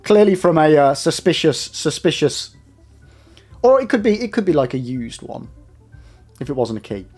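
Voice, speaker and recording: A man's voice: on the high side, very animated, normal speed, pauses often, a little mellow, soft background music. A young man streaming live, rambling casually and talking straight to his chat. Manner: chatty, rambling, addresses chat directly.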